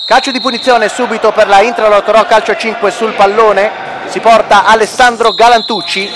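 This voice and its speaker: A man giving excitable futsal play-by-play commentary, breaking into shouted goal calls as a match commentator. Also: high-pitched, fairly quick. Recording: music and crowd noise behind. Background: music, sports hall crowd.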